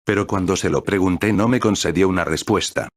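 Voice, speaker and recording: Male storyteller, deep and steady, dry close sound. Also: no room sound. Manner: measured, steady reading. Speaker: narrator. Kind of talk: scripted story narration.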